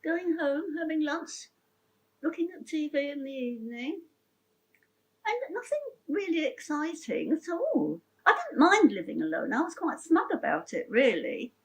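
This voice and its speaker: An older woman shares her life story in a heartfelt, chatty way, often stopping and starting again mid-sentence. Her voice sits high and swoops through a lively, wide range. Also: unhurried, rough recording. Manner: chatty, rambling, with frequent restarts; emotional and heartfelt. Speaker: interviewee sharing her story. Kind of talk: personal storytelling interview.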